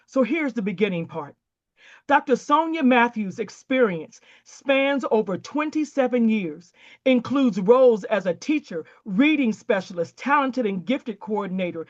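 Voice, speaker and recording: A woman's voice: a little high, lo-fi sound. A woman hosting an education podcast, speaking with fervent, preacher-like emphasis and exclamations. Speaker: podcast host.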